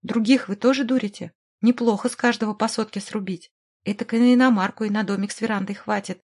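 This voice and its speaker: A woman's voice: fairly high pitch, fairly quick. A woman voicing an irritable, indignant middle-aged man in an audiobook, speaking agitatedly. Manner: agitated, shouting, exasperated. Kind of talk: audiobook character voice.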